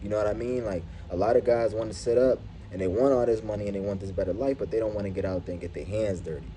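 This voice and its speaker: A man with a deep voice, slightly muffled by a face mask, talks casually and earnestly to camera like a motivational vlogger. His tone is mellow and his wording slangy and profane, with faint noise behind him. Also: steady tone, quick pace. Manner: earnest, slangy, profane street talk, addressing viewers as bro and dog. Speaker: YouTube vlogger. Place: at his workplace.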